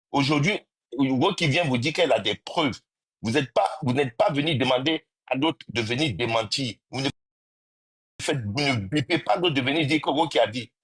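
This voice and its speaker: A man's voice: medium pitch, a bit bright, slightly rough, no room sound. A man delivering an accusatory rant on a live stream, hammering the listeners with rhetorical questions. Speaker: panel participant in a live stream. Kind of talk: ranting monologue on a live stream.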